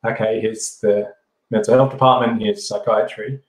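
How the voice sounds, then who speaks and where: A man's voice: lowish voice, fairly even intonation. Man in an echoey room. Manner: chatty, halting questions. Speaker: podcast host. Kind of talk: casual podcast interview.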